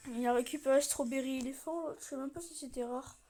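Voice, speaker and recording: A woman's voice: sits high, fairly quick, a little mellow. A woman doing casual live gameplay commentary as a raging gamer, complaining in frustration and cursing at the game. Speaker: gaming video creator. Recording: music behind the voice. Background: music.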